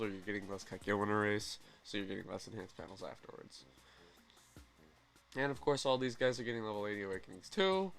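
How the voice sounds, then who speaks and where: A young man running a gaming channel chats excitedly and casually through game news, rambling and often correcting himself mid-sentence. His voice is medium-pitched, clear and resonant.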